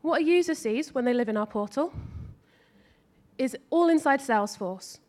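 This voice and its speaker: High-voiced woman presenting a demo. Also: lively intonation, normal speed, a little mellow. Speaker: app presenter. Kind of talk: live product demo.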